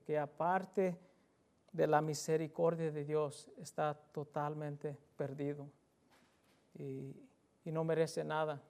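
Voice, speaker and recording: A man's voice: fairly high pitch, gravelly. A man preaching a sermon in an earnest, emphatic way, repeating key phrases and putting direct questions to his listeners.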